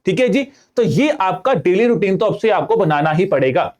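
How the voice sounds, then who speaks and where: High-voiced man teaching exam prep. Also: animated, normal speed, a little mellow. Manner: conversational, addresses students as friends, asks and answers own questions. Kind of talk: online lecture.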